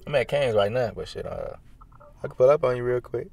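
A man's voice: medium pitch, lively intonation, a little fast, vocal fry, darkish tone, a little hiss or hum. A young man vlogging on a handheld phone camera, with laid-back, slangy banter. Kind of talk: casual vlog chat. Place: out and about in a city, then a casino.

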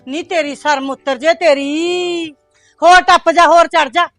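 A high-voiced, nagging middle-aged mother, played by an actress, who scolds without stopping. The sound is close and dry, with faint music beneath it. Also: fairly even intonation, measured pace, fairly bright tone, no echo. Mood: scolding. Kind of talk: short film dialogue.

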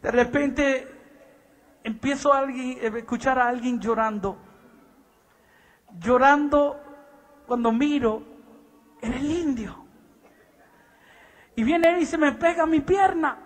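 A man preaching a sermon in a strikingly high voice, telling his story with fervor. He drops to near-whispers and then bursts into shouts. He keeps breaking in with a repeated blessing. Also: slow pace, long pauses. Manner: impassioned, swings from hushed to shouting; repeats "bendito sea Dios". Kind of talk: sermon testimony.

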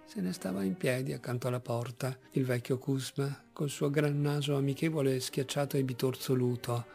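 A man reading a literary story aloud as an audiobook, measured and expressive. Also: medium pitch, vocal fry, soft background music. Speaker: audiobook reader.

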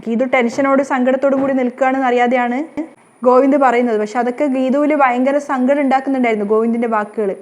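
A woman recapping a TV serial in casual, animated storytelling narration with a dramatic flair. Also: high voice, quick pace.

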